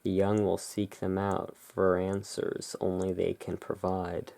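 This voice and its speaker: A soft-spoken ASMR host with a low, creaky voice plays the owner of a curiosity emporium in a relaxing roleplay. The delivery is very slow, hushed and monotone, drifting between gentle musing and measured reading.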